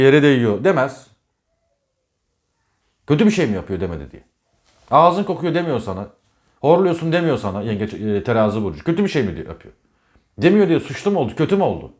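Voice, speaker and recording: A man's voice: a little high, a little mellow. A man who works as an astrologer, talking in a casual monologue about zodiac signs. He speaks emphatically, repeats himself and scolds the listener directly.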